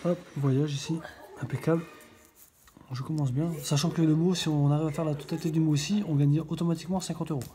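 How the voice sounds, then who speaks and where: Low mellow-voiced woman vlogger. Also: fairly even intonation, fast. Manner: chatty, thinks aloud, checks letters one by one. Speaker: scratch-card video host. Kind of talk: casual running commentary while scratching.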